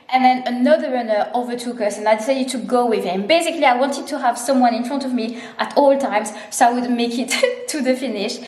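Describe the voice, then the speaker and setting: A woman's voice: a little high, darkish tone, reverberant. A woman chatting informally to her running vlog, telling things in a casual storytelling way. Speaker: running vlogger.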